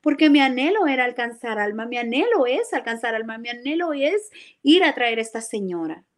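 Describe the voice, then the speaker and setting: A woman with a fairly high voice gives a heartfelt church testimony in an earnest, emotional way. She circles back and repeats phrases as the memories come to her. She calls her listener "brother" as she speaks. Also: sing-song, a little fast. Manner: earnest and emotional, often addresses the listener as "hermano"; repeats and restarts phrases as she recalls events. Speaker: church member giving a testimony. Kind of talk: live religious testimony.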